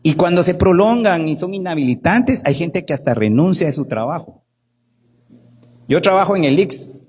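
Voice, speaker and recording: A man, a doctor, giving an animated workshop talk in Guatemalan Spanish, often asking "¿verdad?" and acting out the people he quotes. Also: on the high side, normal speed, slightly rough.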